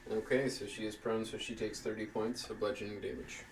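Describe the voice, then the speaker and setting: A man's voice: lowish voice, little pitch movement, brisk, distant mic, noisy background. A man running a tabletop role-playing game as game master, narrating events and calling out rolls. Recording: roomy, off-mic, music behind.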